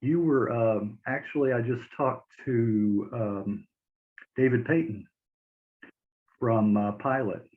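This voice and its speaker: A man in his forties hosting an interview show over a video call, friendly and a bit halting. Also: mid-range voice. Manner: friendly, halting, laughs easily. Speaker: podcast host. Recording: tinny phone-like line.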